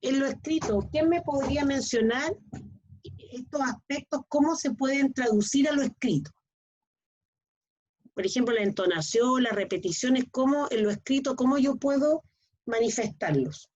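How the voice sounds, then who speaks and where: Husky woman teaching online. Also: high voice, moderate pace, darkish tone. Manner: explains with frequent checking questions. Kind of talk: online class lecture. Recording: dull lo-fi online class audio.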